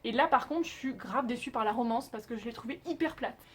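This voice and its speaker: A woman's voice: a little high, brisk, breathy edge. A young woman chatting casually as she reviews TV dramas, emphatic, with frequent filler sounds.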